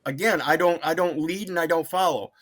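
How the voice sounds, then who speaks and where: An American man phones a radio show as a caller. His voice sits a little high. He argues his points earnestly and insistently, with a preachy streak. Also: brisk, a bit bright. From Mississippi, United States. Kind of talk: unscripted call-in debate.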